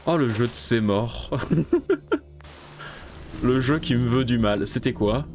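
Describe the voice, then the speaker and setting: A man's voice: medium pitch, slow, a little hiss or hum. Jumpy man commenting on a game. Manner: jumpy, talks to game creatures, yelps when startled. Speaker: gameplay streamer. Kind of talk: casual let's-play commentary.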